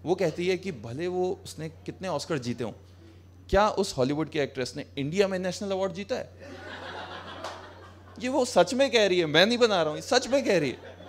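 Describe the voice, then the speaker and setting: Young man, stand-up comedian, sarcastic chatty delivery, slightly high voice, small cafe stage, handheld mic. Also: lively intonation, moderate pace. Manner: conversational, sarcastic, switching between Hindi and English. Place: small cafe stage with brick wall, live audience.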